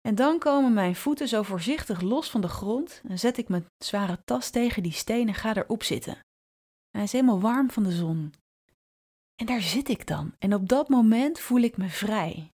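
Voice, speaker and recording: A woman's voice: mid-range voice, animated. Woman host telling a personal story. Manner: intimate, vivid storytelling with slowed, drawn-out phrases and soft asides. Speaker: podcast host and brand strategist.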